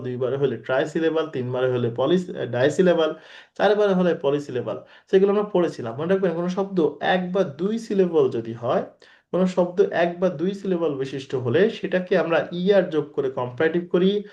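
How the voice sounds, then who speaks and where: A man's voice: on the high side, dark tone, lo-fi sound. A man giving a recorded exam-prep grammar lecture, who repeats his key points, asks the class rhetorical questions and mixes English words into his talk. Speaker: teacher.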